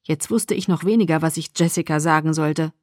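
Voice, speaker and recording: A woman reading a first-person novel aloud as an audiobook, in a gentle, expressive, intimate way. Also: sits low, fairly quick, no echo, clean studio sound. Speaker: audiobook reader.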